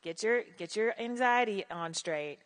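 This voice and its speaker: A woman giving direct, animated coaching feedback on a pitch rehearsal, using casual slang. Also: measured pace, long reverb tail.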